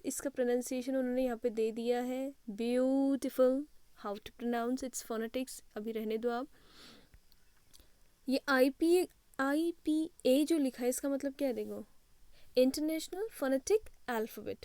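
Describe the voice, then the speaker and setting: A woman's voice: high voice, dark tone, clear, resonant tone, dry recording. A woman teaching an English lesson, switching between Hindi and English and spelling words out letter by letter.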